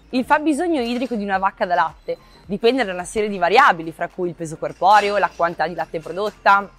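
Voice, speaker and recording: A young woman in her twenties, a marketing manager, giving a clear, measured scripted explainer to camera outdoors by a cow barn on a lapel mic. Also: medium pitch. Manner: clear, measured, informative delivery. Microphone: lapel mic, medium framing.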